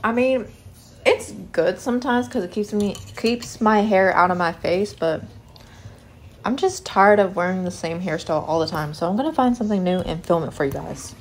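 A young woman talks her viewers through her cooking in a loose, rambling way, filling the gaps with "like" and "um". Her pitch sits in the middle of the range. The home recording carries a clear layer of background noise. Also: moderate pace, low-quality recording. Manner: rambling, lots of "like" and "um". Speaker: vlogger. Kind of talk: casual chat while cooking. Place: home kitchen.

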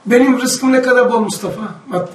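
A man with a strikingly high voice teaches a religious study lesson to a group of students. He reads aloud from a book and comments with emphatic force, at times raising his voice to a shout. He is recorded from a distance in a room with a strong echo. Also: fairly quick. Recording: echoey room, mic far off.

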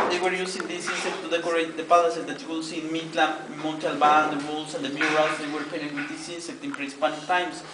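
A man with a Mexican Spanish accent guiding tourists through a weaving demonstration, explaining each step in Spanish and then repeating it in English. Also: a little high. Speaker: weaving cooperative guide. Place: weaving workshop with visitors. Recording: distant, roomy camera audio with background noise.

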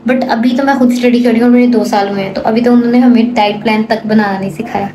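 एक बीस-पच्चीस साल की युवती जो फेस मास्क पहनकर अपने व्लॉग में दर्शकों से बातें करती है, बीच-बीच में अंग्रेज़ी शब्द मिलाती है और थकी हुई है।. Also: female voice, on the high side, fairly even intonation, fast talker. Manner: chatty, mixes English phrases into speech. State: talking through a face mask; tired. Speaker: food vlogger. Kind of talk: casual vlog chat to viewers. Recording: noisy background.

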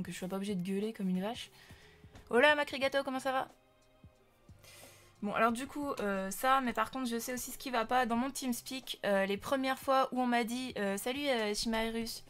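A young woman from France chats on her live stream into a desk microphone, her voice sitting a little high. She talks loosely and warmly to her viewers, full of fillers and greetings, with faint music underneath. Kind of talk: casual live-stream chat.

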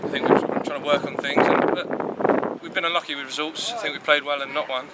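A young male footballer giving a measured, plain-spoken post-match interview outdoors at a floodlit ground at night. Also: on the high side, steady tone. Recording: loud wind noise outdoors.

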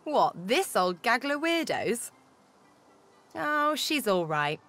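A woman's voice: a little high, big pitch swings, slow, fairly bright tone, soft background music, heavily acted. A woman playing a wry, easygoing musician companion in a video game, talking in a casual, reflective way. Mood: wry, fond. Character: wry, easygoing female musician haunted by inner spirits.

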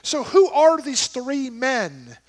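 A middle-aged pastor preaches from the stage of a large church before an audience, keeping his sermon conversational and putting questions to his listeners. His voice is very high and he takes his time.

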